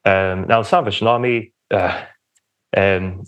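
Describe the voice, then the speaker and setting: Lowish-voiced young man, hesitant. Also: steady tone, measured pace, a bit bright. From England, Romford in Essex on the edge of London. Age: young adult. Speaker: podcast guest, church minister. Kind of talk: conversational personal testimony.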